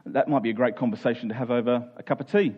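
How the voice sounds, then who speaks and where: A man with a mid-range voice and a breathy edge preaches quickly through an expository Bible sermon in a conversational style, heard on a muffled recording. He explains things step by step, repeats key phrases and checks in with his listeners.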